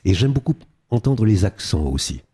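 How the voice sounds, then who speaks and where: A man's voice: lowish voice, very animated, moderate pace, dark tone, husky. An older man, an actor being interviewed on radio, talking animatedly and slipping into character voices now and then. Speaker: guest actor.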